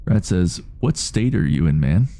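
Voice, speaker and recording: Canadian man, Ontario, casual streamer, deep warm gravelly voice, meandering chat. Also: animated, normal speed. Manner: rambling, self-interrupting, reads chat aloud. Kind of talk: casual live-stream chat while gaming.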